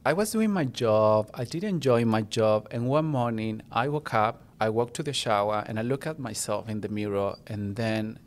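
A man from Chile, a native Spanish speaker with a Chilean accent, chatting warmly as a podcast guest and making small grammar slips. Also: on the low side, moderate pace, hardly any pauses. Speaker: guest, international student. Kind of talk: casual personal storytelling.

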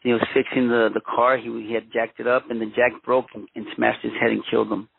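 Gravelly man on a tinny line. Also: medium pitch, little pitch movement, dry recording. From Mexico, raised in Los Angeles. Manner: halting, repeats words and restarts often. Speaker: interviewee, former police officer. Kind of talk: personal storytelling interview. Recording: tinny phone-line audio.

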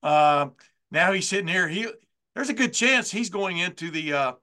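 A man's voice: high voice, animated, normal speed, bright, forceful tone. A man in his sixties hosting a sports talk show, chatting in a rambling way with plenty of fillers and restarts. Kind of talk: casual sports interview.

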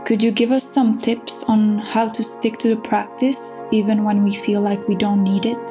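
Young Czech-accented woman, even-toned. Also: mid-range voice, moderate pace. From Czech Republic. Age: young adult. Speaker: listener sending in a question. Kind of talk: prepared recorded question. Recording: new-age music behind the voice. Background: soft new-age music.

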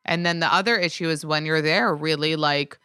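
A woman with a very low yet bright voice chats supportively as a guest on a podcast. Her tone is smooth and crisp, recorded dry and close. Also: fairly even intonation, normal speed, dry recording. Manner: supportive, chatty. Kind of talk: casual chat.

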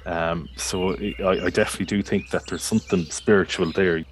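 Deep-voiced man with a west of Ireland accent. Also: steady tone, normal speed, slight background noise. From County Mayo, Ireland. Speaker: podcast guest, community water officer. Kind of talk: casual interview talk.

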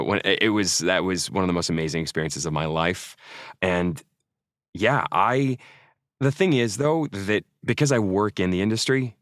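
Male guest, 40s, Norwegian-born, deep voice, chatty storyteller. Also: fairly bright tone, no echo, clean studio sound. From Norway. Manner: chatty, self-mocking storyteller. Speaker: actor guest. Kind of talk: casual interview chat.

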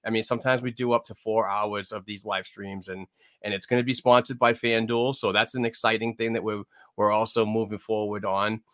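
A man's voice: on the low side, fairly even intonation, a little fast, fairly bright tone, dry recording. A man co-hosting a sports podcast in casual, conversational talk. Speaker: podcast co-host. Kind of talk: casual chat about hockey.

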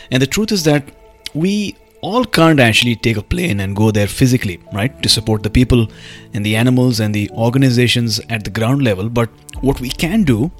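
A man with a medium-pitched voice hosts a podcast as an earnest monologue. He addresses the listener directly. Music plays behind him. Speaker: podcast host and meditation guide. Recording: music under the voice. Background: background music.

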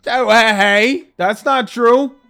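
High-voiced, flustered man playing a tabletop game. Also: slow pace, vocal fry, music in the background. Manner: flustered, defensive, repetitive. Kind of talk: casual improvised role-play.

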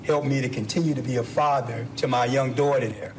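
A man's voice: mid-range voice, steady tone, a little fast, slight background noise, rough recording. A man in his fifties giving a personal account in an interview. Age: 50s. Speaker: transplant patient interviewee.

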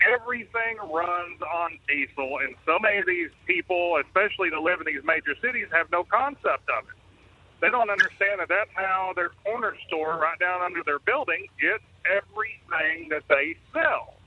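A man calling in over the phone, his slightly high voice thinned by a muffled line. He lays out his point earnestly and at length, like a working trucker talking to a radio host. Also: expressive, moderate pace, slightly rough. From Texas. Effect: heard over the phone. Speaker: caller, truck driver. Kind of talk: call-in talk radio chat.

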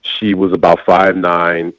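A man in his forties telling his story as an interview guest, halting with many fillers and restarts. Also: deep voice, completely flat delivery, fairly bright tone, no echo, low-quality recording. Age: 40s. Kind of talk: candid conversational storytelling.

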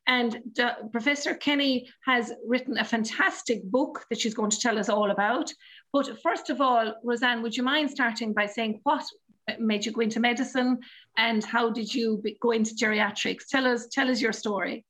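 A woman's voice: fairly high pitch, normal speed, fairly bright tone, rough recording. A woman hosting a conversational interview, encouraging her guest with frequent affirmations. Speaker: podcast host.

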